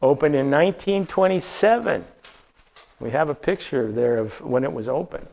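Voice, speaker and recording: A man's voice: mid-range voice, moderate pace, creaky, a little mellow. A man presenting a slideshow travel talk to a live audience, conversational, asking the room questions and often restarting his sentences.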